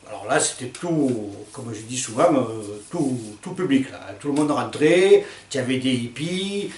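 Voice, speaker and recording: An older man telling a personal anecdote in a chatty, lively way, with fillers and laughs. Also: mid-range voice. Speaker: storyteller. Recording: roomy sound from a distant mic.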